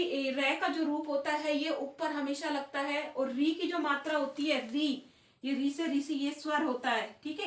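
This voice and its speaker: A woman's voice: sits high, a bit bright, reverberant, far from the mic. A woman teaching a school grammar lesson, explaining step by step to children and checking often that they follow. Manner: explains step by step, keeps asking "ठीक है"; addresses pupils as children.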